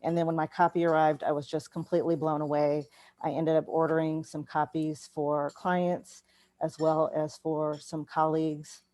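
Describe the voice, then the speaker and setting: A woman speaking over a video call with a low, mellow voice. She talks in a relaxed, conversational way as she hosts an evening reading. The tone stays unhurried and personal. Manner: conversational, storytelling. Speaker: event organizer and host. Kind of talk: welcoming remarks on a video call.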